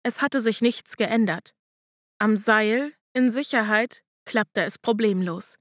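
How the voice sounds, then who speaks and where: A woman narrates a first-person audiobook in a steady, measured way. Her voice is fairly high. The recording is dry and close, with no room sound. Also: no echo.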